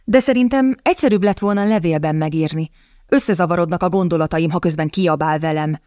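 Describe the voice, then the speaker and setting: A woman's voice: lowish voice, mellow, no echo, studio quality, lightly acted. Woman doing a pouty cowardly young gent, stammers and whines, audiobook. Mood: whiny. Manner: whiny, stammering.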